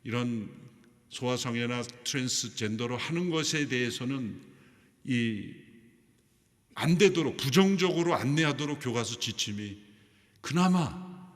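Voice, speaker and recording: A man's voice: medium pitch, lively intonation, measured pace. A middle-aged man preaching a sermon as senior pastor, emphatic, with his voice rising sharply on key phrases. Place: large church sanctuary. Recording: long hall reverb.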